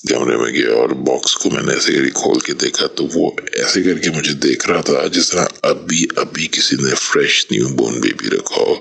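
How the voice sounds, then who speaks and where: A man's voice: rumbling low, creaky, few pauses, a bit bright, slightly rough. A man earnestly telling a personal story in a voice message, mixing in English words. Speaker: caller sharing a personal story. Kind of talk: voice message, emotional testimony.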